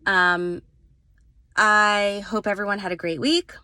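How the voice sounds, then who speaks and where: A woman's voice: medium pitch, fairly even intonation, takes it slowly, sharp tone, clear, resonant tone, dry recording. A middle-aged woman coach talking casually to camera from her car, chatty and candid with frequent ums and restarts. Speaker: executive and leadership coach. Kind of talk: casual vlog talk to camera. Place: inside a parked car.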